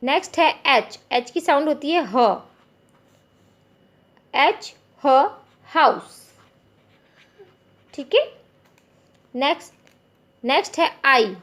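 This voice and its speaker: A woman with an Indian accent teaching phonics to parents, repeating each letter sound slowly and clearly. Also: sits high, expressive, fairly bright tone.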